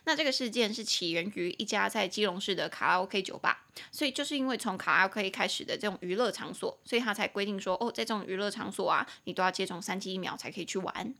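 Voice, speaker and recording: A young woman with a Taiwanese Mandarin accent hosts a podcast English lesson, chatty and playful, slowing down to spell out and drill new words. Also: medium pitch, gravelly, sharp tone. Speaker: English teacher and podcast host. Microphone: podcast microphone.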